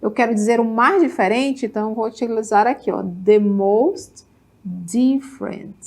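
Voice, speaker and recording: A Brazilian woman with a slightly high voice leads an English class in a Brazilian Portuguese accent. She is upbeat and encouraging, keeps checking that her students are following, and says each English word slowly so they can repeat it. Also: a little mellow. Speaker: English teacher. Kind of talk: televised classroom lesson.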